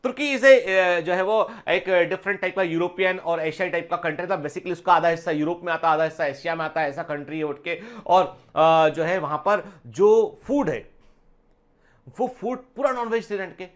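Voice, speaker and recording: A man's voice: high-pitched, normal speed. A man teaching biology in an online exam-prep lecture, chatty, mixing English phrases into his talk and telling personal stories.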